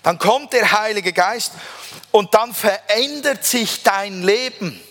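A man delivers a sermon in a fairly high, bright, ringing voice. He is emphatic and draws out key phrases slowly for weight. His voice carries a long reverb, as in a large church hall. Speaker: preacher.

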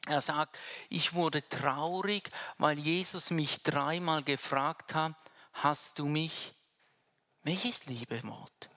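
A pastor preaches to the congregation, taking it slowly and swinging between hushed, low phrases and loud, raised ones. He addresses the listener directly and informally.

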